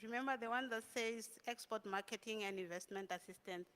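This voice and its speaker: A woman from a government department giving a short formal presentation in a measured way. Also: on the high side, a bit bright, smooth. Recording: reverberant hall.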